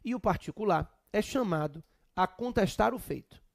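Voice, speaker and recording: A man's voice: sits high, lively intonation, moderate pace, vocal fry, no echo, studio quality. A man with a Brazilian accent giving a chatty law exam prep lecture with humorous asides. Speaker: law teacher.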